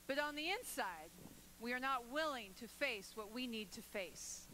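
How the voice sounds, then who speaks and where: A woman pastor preaching a sermon, emphatic and rising to forceful declarations. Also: on the high side, expressive, unhurried, slight background noise, poor audio.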